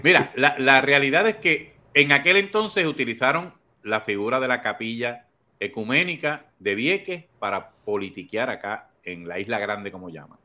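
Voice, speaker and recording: A Puerto Rican man hosting a podcast, telling stories in animated casual political chat and laughing often. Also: medium pitch, normal speed. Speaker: podcast host.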